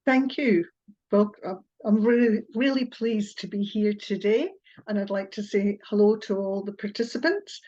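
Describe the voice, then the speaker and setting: This older therapist from Scotland, her accent part Scottish and part Australian, presents online through a video call that sounds muffled. Medium in pitch and normal in speed, she hesitates, apologizes, and uses filler sounds and little laughs throughout.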